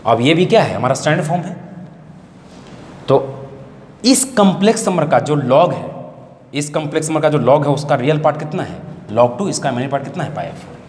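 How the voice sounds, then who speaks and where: A man's voice: fairly high pitch, expressive, a little fast, pauses often. A man with a Bihari Hindi accent teaching math in a classroom lecture, repeating his points and asking the class questions he then answers himself. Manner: repetitive, asks the class questions and answers them. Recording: echoey hall, faint background hiss.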